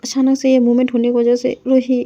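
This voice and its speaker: A woman's voice: fairly high pitch, monotone, brisk, mellow. A woman storyteller narrating a dramatic story in a simple, flowing tone. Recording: dull lo-fi recording.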